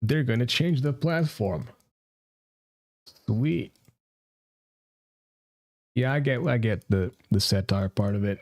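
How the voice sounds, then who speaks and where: A man's voice: mid-range voice, moderate pace, few pauses, darkish tone. Profane ranting man, podcast co-host. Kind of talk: casual live podcast chat.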